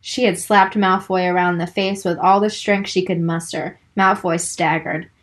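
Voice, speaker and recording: A woman's voice: fairly low pitch, steady tone, normal speed. Wry, foul-mouthed woman co-host. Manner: wry, profane, reads narration aloud. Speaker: podcast co-host. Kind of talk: casual book-club chat and reading aloud.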